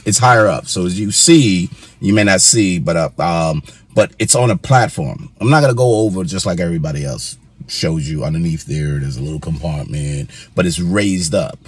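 A man's voice: sits low, expressive, moderate pace, few pauses, breathy edge. A man co-hosting a casual vlog from inside a car, laid-back and joking. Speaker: vlog co-host. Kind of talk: casual chat.

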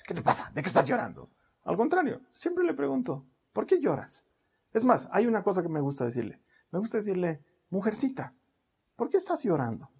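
A man preaching a sermon in a gentle, conversational way, speaking straight to the listener. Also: fairly high pitch, gravelly, slightly rough.

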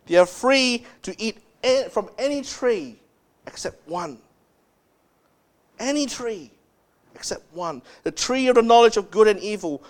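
A man preaching a sermon as pastor, speaking emphatically and dropping low and soft to stress key words. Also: animated, a little slow, pauses often.

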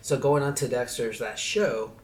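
A man's voice: mid-range voice, moderate pace, a little hiss or hum. Rambling man in an echoey room. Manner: rambling, filler-heavy. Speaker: podcast co-host. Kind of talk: casual chat.

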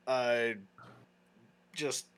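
A man's voice: medium pitch, steady tone, very slow, fairly bright tone, clean tone. A man playing in a tabletop game, describing his character's actions casually with frequent hesitations and restarts. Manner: hesitant, restarts often, then speeds up. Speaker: player.

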